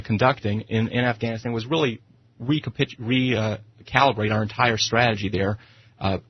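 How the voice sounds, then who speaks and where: On talk radio, an American guest pushes his political argument hard, hammering his point with repeated phrases. He has a mid-range voice, and the lo-fi sound carries a little hiss or hum.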